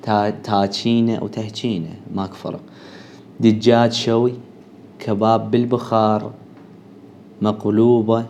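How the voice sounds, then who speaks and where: A man with a fairly low voice reads out a vocabulary list, pausing after each word. He is a language teacher from Iran whose first language is Persian. A faint background noise runs under his voice. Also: little pitch movement, a little mellow. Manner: reads words one by one with short pauses, then explains. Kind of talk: reading a vocabulary list aloud.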